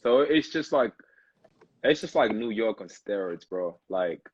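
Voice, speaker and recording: A young man from Lagos, Nigeria, answering interview questions in a relaxed, easygoing way. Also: lowish voice, a little slow, husky, highs cut off. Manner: relaxed, easygoing, says bro often. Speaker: recording artist, guest. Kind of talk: casual interview.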